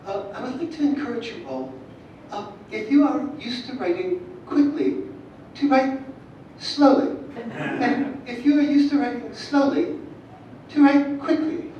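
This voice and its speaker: A man imitating a calm, encouraging Scottish woman writing teacher, speaking slowly in a measured way. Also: very high-pitched, slight background noise, pitched above the performer's own voice. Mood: gently instructive. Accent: Scottish, put on. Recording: echoey hall, distant, dull sound.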